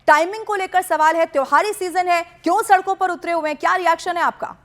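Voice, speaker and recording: A woman's voice: very high-pitched, steady tone, fairly quick. A woman news anchor running a heated TV debate, pressing her guests hard and cutting in on them. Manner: forceful, interrupts guests, presses questions.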